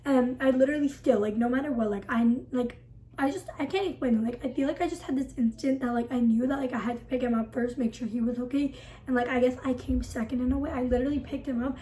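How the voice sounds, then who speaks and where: A woman vlogger tells a storytime in a high, warm voice at a quick pace, captured in a rough recording. Her dramatic, breathless retelling is packed with "like".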